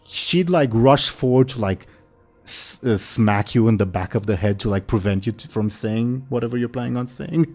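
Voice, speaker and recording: A man running a tabletop game, improvising the narration in a hesitant, informal, halting way. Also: medium pitch, darkish tone. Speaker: game master.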